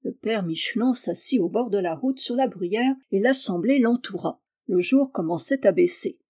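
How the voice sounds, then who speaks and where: Mellow woman reading a classic novel. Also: mid-range voice, lively intonation, moderate pace. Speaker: audiobook reader.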